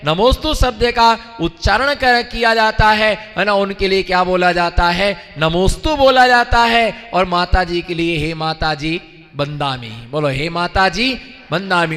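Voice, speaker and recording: Bright high-pitched man preaching in a hall. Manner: call-and-response, urging the audience to repeat loudly; acts out dialogue in a storytelling way. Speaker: Jain monk giving a discourse. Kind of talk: sermon. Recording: reverberant hall.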